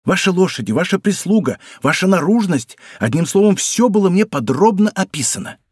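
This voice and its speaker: A man's voice: high voice, big pitch swings, fairly quick, husky, no echo, clean studio sound, pitched above the performer's own voice, exaggerated voice. A man voicing a frightened, servile innkeeper who pleads and whines. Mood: anxious. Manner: whining, servile.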